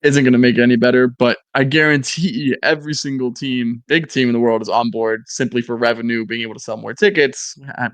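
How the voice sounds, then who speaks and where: A man co-hosting a casual sports chat gives blunt, opinionated takes. His voice is smooth and resonant, and the sound is dry and close. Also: mid-range voice, dry recording. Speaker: podcast co-host.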